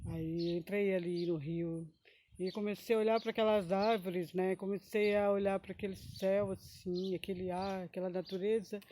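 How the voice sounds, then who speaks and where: A woman tells a personal testimony in an emotional, rambling way. She keeps adding little tag questions and bursts into short exclamations of praise. Her voice sits at a middle pitch, with faint noise behind it. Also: darkish tone. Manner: emotional, rambling, often adds "né?" and "sabe?". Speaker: believer giving a testimony.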